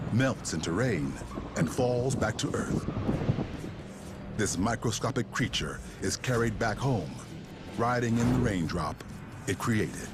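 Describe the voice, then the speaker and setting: A man narrating a nature documentary from a script, with dramatic storytelling delivery. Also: lowish voice. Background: music under the voice.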